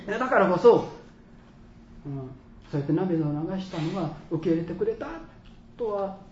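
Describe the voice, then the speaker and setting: A man preaching a sermon as a pastor, an earnest storyteller who pauses and acts out quoted voices. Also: fairly high pitch, mellow, roomy sound, dull audio, a little hiss or hum.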